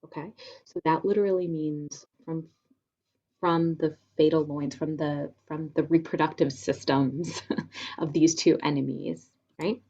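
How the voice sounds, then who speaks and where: A woman's voice: low-pitched, fairly even intonation, unhurried, darkish tone, lo-fi sound. A woman leading a theater company presentation, explaining spellings and reading sonnets aloud in a casual, filler-filled way. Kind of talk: informal lecture with readings of sonnets.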